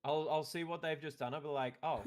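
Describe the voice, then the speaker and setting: A man's voice: a little high, fairly even intonation, fast, soft background music. An Australian man chatting casually as a player in a tabletop game, rambling and laughing.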